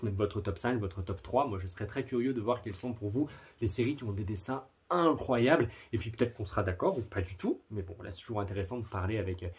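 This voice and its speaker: A man's voice: medium pitch, a little mellow, husky. A man giving a casual video review of manga, gushing with superlatives and adding apologetic asides.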